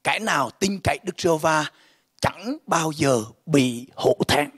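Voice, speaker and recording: A male pastor giving an emotional sermon testimony, swinging from hushed words to shouting. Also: fairly high pitch, animated, a little slow, breathy edge.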